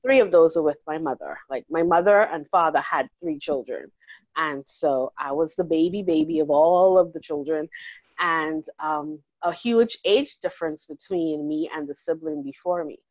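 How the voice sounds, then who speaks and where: A Bahamian woman in her forties, a counselor talking warmly and chattily in an interview, laughing easily. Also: sits low, moderate pace, no echo, highs cut off. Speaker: counselor and guest. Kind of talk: casual interview conversation.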